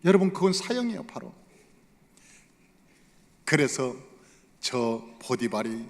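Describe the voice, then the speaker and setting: A male pastor preaching a sermon, telling a story with dramatic swings from soft to loud. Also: on the high side. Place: church sanctuary. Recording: long hall reverb.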